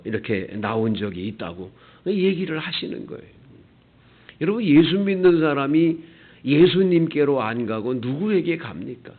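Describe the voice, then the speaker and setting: A male pastor preaching an early-morning sermon, raising rhetorical questions with strong emphasis. His fairly high voice swings widely up and down. The sound is thin and tinny, like it came over a phone line. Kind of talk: dawn prayer sermon.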